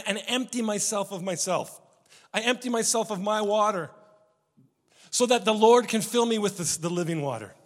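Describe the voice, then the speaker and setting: High-voiced man preaching in an echoing hall. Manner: animated preaching with sudden swings from hushed to loud. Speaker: pastor. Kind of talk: sermon. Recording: long echo of a church hall.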